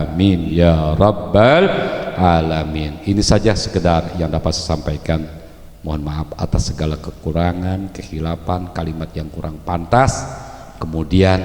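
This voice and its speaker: A male preacher giving a mosque sermon, animated and swinging between shouts and low murmurs. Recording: echoey hall reverb.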